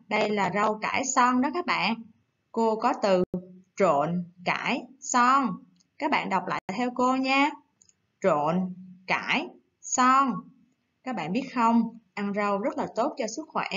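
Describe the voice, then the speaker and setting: Woman teacher talking to little kids, soft and coaxing, kinda dull lo-fi recording. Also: on the high side. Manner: gentle, coaxing, slow syllable-by-syllable dictation. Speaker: primary school teacher. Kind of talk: recorded online lesson for young children.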